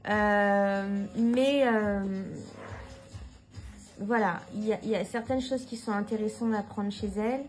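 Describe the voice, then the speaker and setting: A woman speaking in a relaxed, unhurried casual vlog style, pausing often with fillers and restarting her sentences. Her delivery is frank and informal, with the odd mild swear, at a mid pitch. Faint music sits softly behind her. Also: poor audio. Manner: hesitant, full of drawn-out fillers and restarts. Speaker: tarot reader presenting books.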